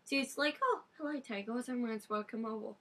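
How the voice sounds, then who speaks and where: A woman's voice: a little high, fairly quick, bright, forceful tone. A teenage girl telling a joke in playful casual chat. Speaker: vlogger telling jokes.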